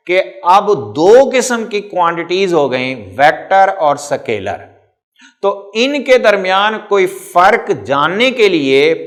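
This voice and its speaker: Lively, slow-paced teacher. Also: male voice, on the high side. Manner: asks quiz questions and answers them himself, stretches key terms. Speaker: physics teacher. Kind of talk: classroom lecture.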